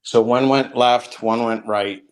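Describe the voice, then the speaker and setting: A man's voice: medium pitch, steady tone, a little slow, clear, resonant tone. A man, a podcast guest, telling a long story in a casual way, full of ums and restarts. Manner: rambling, with many ums and restarts.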